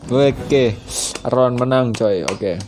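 With game music and noise behind him, a young YouTuber with an Indonesian accent drawls out his words in a mid-range voice. He's casually commenting on gameplay in slang through a headset mic.

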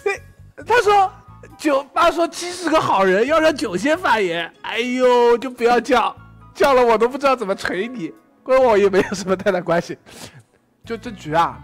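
Male game-show player, high voice, jokey teasing turn at the table. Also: fairly bright tone. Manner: joking, teasing, laughs between lines.

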